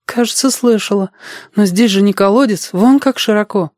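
Guy doing a small shy girl voice, way higher, soft unsure questions, dry close sound. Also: moderate pace, no echo, natural voice. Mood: uneasy, wondering. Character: quiet, uneasy young schoolgirl.

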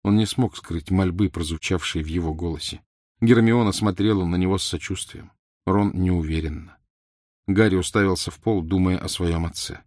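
Deep-voiced male audiobook narrator, measured and even, dry close recording. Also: no room sound. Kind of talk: scripted narration.

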